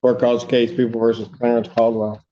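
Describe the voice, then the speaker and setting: A man presiding as judge, giving brisk, matter-of-fact rulings, heard through a courtroom audio recording. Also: medium pitch, level tone, lo-fi sound, a little hiss or hum. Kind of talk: presiding over court hearings.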